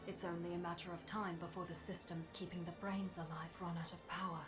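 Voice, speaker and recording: A woman voicing a calm, polite female robot companion in a video game, speaking in a measured, courteous way over game music. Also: fairly low pitch, lightly acted. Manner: measured, courteous, softly even delivery.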